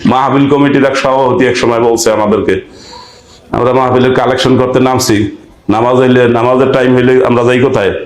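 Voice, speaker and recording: Male preacher, mid-pitched, questioning the crowd, reverberant hall sound. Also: steady tone, brisk. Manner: rhetorical questions to the audience, acts out village dialogue. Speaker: preacher giving Quran commentary. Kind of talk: sermon.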